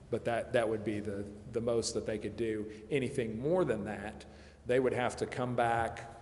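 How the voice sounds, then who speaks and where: In an echoey council chamber with faint noise in the background, a man with a lowish, darkish voice addresses a public meeting. As a consultant to a city committee, he lays out the rules with careful qualifications and hypothetical scenarios.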